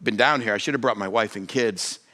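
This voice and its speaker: A man's voice: lowish voice, fairly quick, bright, forceful tone, pitched below the performer's own voice. A man quoting a chatty, eager pastor. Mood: earnest. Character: chatty friendly male worship pastor on vacation.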